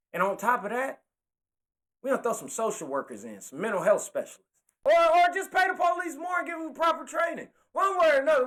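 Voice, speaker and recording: High-voiced animated man preaching. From California. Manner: animated, preachy, slangy street talk, gestures while talking. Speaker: political commentator. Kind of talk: impassioned monologue to camera.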